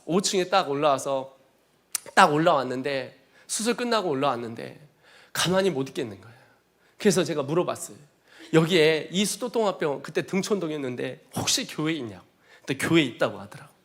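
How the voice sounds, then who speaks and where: A man's voice: a little high, fairly bright tone. A missionary giving a testimony sermon, telling his story in an earnest, emotional way.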